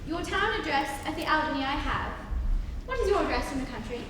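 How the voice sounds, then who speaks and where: Woman as a high-voiced grand young society lady. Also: lively intonation, a little fast. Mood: romantic, grand. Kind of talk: stage dramatic reading of a period comedy. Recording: distant, echoey noisy hall.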